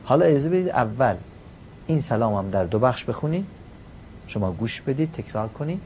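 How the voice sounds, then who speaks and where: A man teaching pronunciation, chanting each example slowly and giving short, quiet prompts to repeat. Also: medium pitch, big pitch swings, slight background noise. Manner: slow drawn-out chanting of the examples. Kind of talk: pronunciation lesson.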